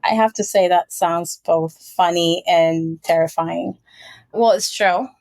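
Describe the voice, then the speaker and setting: A woman from Puerto Rico, a marketing executive guest, telling stories in a chatty, relaxed interview. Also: fairly low pitch, takes it slowly, no echo. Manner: chatty, storytelling, frequent fillers. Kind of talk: casual interview.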